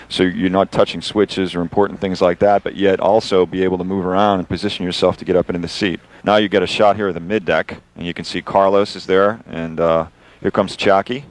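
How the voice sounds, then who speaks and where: Man, low pitch, astronaut guest, conversational explanation, live commentary. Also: little pitch movement, brisk.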